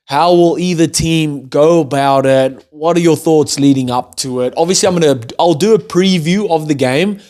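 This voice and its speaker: A man's voice: fairly high pitch, moderate pace, hardly any pauses, a little mellow. A young man from South Africa with a South African accent carrying an Australian twang, hosting an enthusiastic, chatty rugby video and hyping up a match to his viewers. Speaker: rugby YouTube host. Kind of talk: casual hyped-up commentary to camera.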